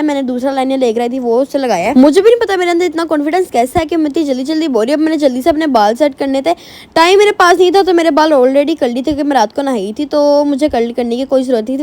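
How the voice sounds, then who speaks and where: A woman's voice: high voice, warm tone. A young woman giving a casual, self-mocking voice-over for her makeup routine, rambling and chatty. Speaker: beauty vlogger. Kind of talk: casual get-ready-with-me voice-over.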